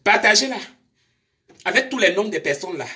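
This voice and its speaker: A woman's voice: medium pitch, expressive, moderate pace, bright, forceful tone. A woman, scolding her commenters during a live stream with confrontational rhetorical questions.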